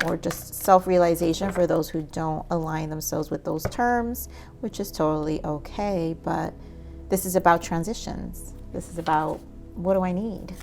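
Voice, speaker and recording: A woman with a low voice and a gravelly edge gives a relaxed tarot reading. She muses aloud, fills her talk with "like" and "um," and asks spirit for answers as she pulls cards. Soft music plays underneath. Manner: musing, says "like" and "um" often, talks to spirit while pulling cards. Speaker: tarot reader.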